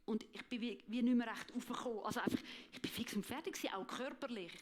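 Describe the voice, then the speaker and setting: A woman with a Swiss German accent giving an emotional, halting faith testimony, often repeating words. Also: fairly high pitch. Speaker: guest speaker.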